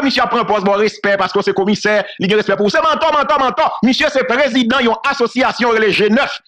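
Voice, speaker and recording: Man, from Haiti, solo political commentary, high-pitched, rushed delivery, repeats key phrases, short laughs between points. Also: bright, forceful tone. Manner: emphatic and repetitive, hammering key phrases.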